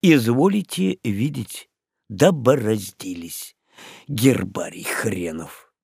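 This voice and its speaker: A man's voice: on the low side, animated, takes it slowly, vocal fry, darkish tone, breathy edge, dry recording, studio quality, full character voice. A man voicing a grumpy, skeptical male first mate who grumbles sarcastically. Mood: grumbling.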